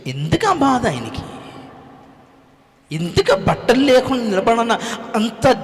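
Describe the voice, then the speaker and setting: A pastor preaching a sermon, impassioned and firing off rhetorical questions. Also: male voice, extremely high pitch, huge pitch swings, takes it slowly, long reverb tail.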